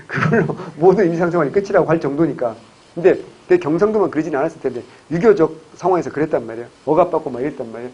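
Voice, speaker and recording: A man teaching a history class for exam students, joking and firing quick questions at the class. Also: fairly high pitch, darkish tone, slightly rough, highs cut off. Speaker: civil service exam history lecturer. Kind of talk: classroom lecture.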